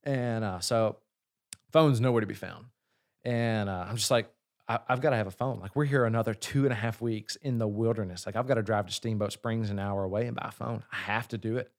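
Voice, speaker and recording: A man, a singer, telling a long story in casual chat, with frequent swearing and lively asides. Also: fairly low pitch, fairly quick. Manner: profane, animated storyteller. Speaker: singer and guest.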